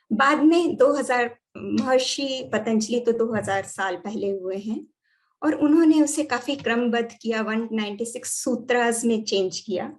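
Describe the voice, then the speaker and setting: Indian woman lecturing, slightly high voice. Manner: explanatory, mixing Hindi with English phrases. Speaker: doctor and yoga therapy teacher.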